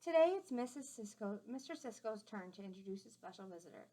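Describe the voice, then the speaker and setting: This woman talks fast at a medium pitch while reading a picture book to young kids. She's expressive like a teacher and drops in simple explanatory asides.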